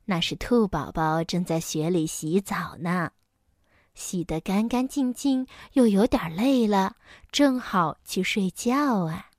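Woman voicing a gentle mother bear, soft and lower, hushed, slow bedtime pace. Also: expressive, dry recording, clean studio sound.

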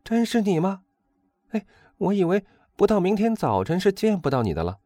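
A man reading a storybook, voicing a vain, excitable young dandy who chatters loudly and boastfully. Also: normal speed, dry recording, clean studio sound, lightly acted. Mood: exuberant. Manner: loud exuberant high-pitched chatter.

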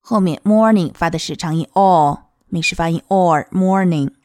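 Lady teacher going over english sounds for a kids song, slow careful examples, dry close mic. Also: fairly low pitch, darkish tone, dry recording. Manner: models words slowly and clearly. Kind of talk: explaining song lyrics and pronunciation.

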